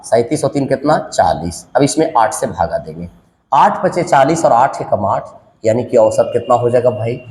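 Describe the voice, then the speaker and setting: Lively man teaching math, echoey. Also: mid-range voice, a little hiss or hum. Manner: talks through sums aloud in a sing-song counting patter. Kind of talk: exam-prep math lesson. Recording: echoey room with long reverb.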